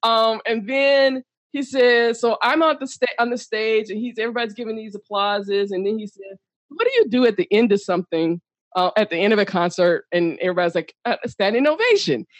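A woman guest in casual chat, an animated storyteller who acts out quotes, swears freely and laughs often. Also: on the high side, fairly quick, dry recording.

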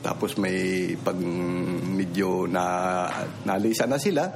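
A man in his fifties with a Filipino accent tells a personal testimony in plain-spoken, conversational storytelling, repeating phrases for emphasis. His voice is low and creaky, and he takes it slowly. The noisy field recording carries ambient sound.

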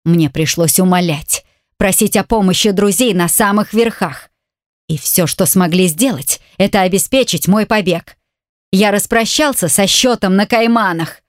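A woman's voice: mid-range voice, moderate pace, no room sound, clean studio sound, lightly acted. A woman reading an audiobook voices a furious, brutal man who snarls threats and insults. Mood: menacing. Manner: snarling, menacing, shouting insults.

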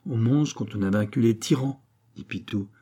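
A man's voice: on the low side, normal speed, mellow, husky. A man voicing a boastful young villager who lectures his neighbours in an emphatic, pompous way. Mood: lecturing. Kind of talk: audiobook character voice.

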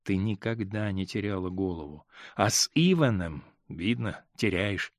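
A male reader voicing a hurt, stern middle-aged husband in an audiobook, speaking in a measured, grave way that holds back pain. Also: low voice, animated, no echo, clean studio sound, heavily acted. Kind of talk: audiobook character reading.

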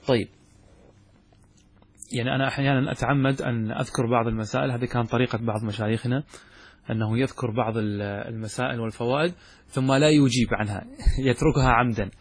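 A man's voice: mid-range voice, husky, no room sound. A man, a sheikh, giving a grammar lesson, explaining step by step and often checking that his students follow. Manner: explains step by step, checks understanding with quick questions. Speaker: sheikh teaching Arabic grammar. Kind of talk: classroom lecture.

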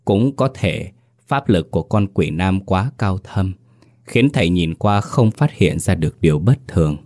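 A man narrating a horror story in a measured, suspenseful storytelling voice. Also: deep voice, expressive, a little mellow, dry recording, studio quality.

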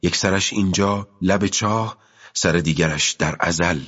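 A man voicing a proud, self-assured young village girl in an audiobook, speaking calmly and teasingly. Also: low-pitched, slightly rough. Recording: muffled with long reverb.

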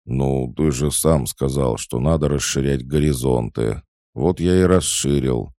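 A man's voice: a bass voice, measured pace, warm tone, no room sound, clean studio sound. A man voicing an awkward, lovesick teenage boy in an audiobook, whining and defensive. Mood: whiny. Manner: whiny, defensive.

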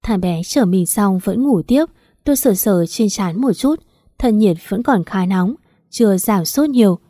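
Female narrator for first-person story audio; plain, steady read, dry close sound. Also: mid-range voice, measured pace, dry recording.

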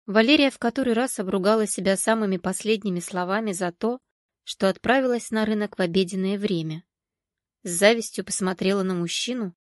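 A woman narrating an audiobook in an even, measured storytelling manner. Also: mid-range voice, no echo, studio quality. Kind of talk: scripted narration.

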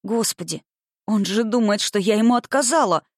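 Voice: medium pitch, moderate pace, no room sound, studio quality, close to an everyday voice. An audiobook reader voicing an impulsive young noblewoman in love, who speaks eagerly and breathlessly. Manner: eager, breathless, rising excitement. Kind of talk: audiobook reading.

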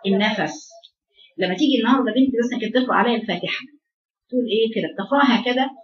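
A woman with an Egyptian Arabic accent teaching Quran recitation to a class of girls. She explains, quizzes the students, and chants drawn-out examples. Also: medium pitch, highs cut off.

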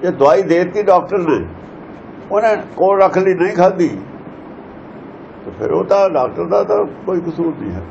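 A man with a somewhat high voice explains scripture verses, stressing points and firing rhetorical questions at his listeners. The recording is dull and lo-fi, with a faint hiss underneath. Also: expressive, normal speed, vocal fry, pauses often, darkish tone. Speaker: scripture teacher.

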